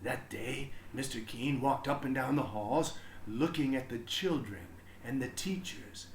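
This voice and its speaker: A man reading a children's story aloud as expressive narration, with deliberate, dramatic phrasing. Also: medium pitch, echoey room, slight background noise. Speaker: storybook reader.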